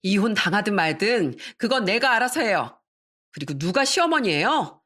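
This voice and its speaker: A woman voicing a fiery, loyal younger sister-in-law who talks back loudly and defiantly. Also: medium pitch, sing-song, normal speed. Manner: loud, defiant.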